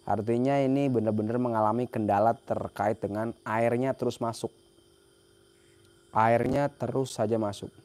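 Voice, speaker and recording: A young man walks viewers through a repair in a casual way. He talks as he works, often repeating a phrase. His pitch sits at a middle level. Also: fairly even intonation, normal speed, a little mellow. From Central Java, Indonesia. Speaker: repair technician. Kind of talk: hands-on repair tutorial.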